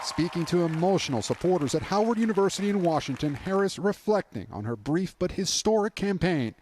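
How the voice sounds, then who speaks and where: A man's voice: high-pitched, expressive, brisk, noisy background. An American man delivering scripted television news narration as a correspondent.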